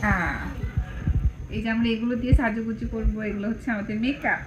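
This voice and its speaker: A woman's voice: on the high side, quick pace, background noise. A woman pet vlogger talking in doting baby talk to her cat, cooing and repeating words fondly. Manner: cooing, sing-song, repeats words affectionately.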